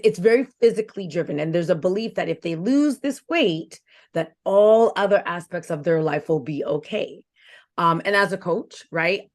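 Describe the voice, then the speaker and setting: Earnest low-voiced woman in her forties. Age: 40s. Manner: reflective, earnest, repeats phrases for emphasis. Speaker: health coach guest. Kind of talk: podcast interview.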